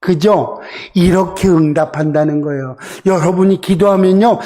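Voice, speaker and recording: A middle-aged male pastor with a high, warm voice preaches at normal speed, often asking the congregation questions and answering with "그죠?". He acts out quoted lines, voicing the Bible figures.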